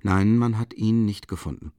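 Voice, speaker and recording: A feverish, haunted young man murmurs in a weak, drained voice, as a man reads him. The tone is low and sits close and dry. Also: moderate pace, dark tone, no echo, close to an everyday voice. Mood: quiet. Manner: faint, murmuring and feeble.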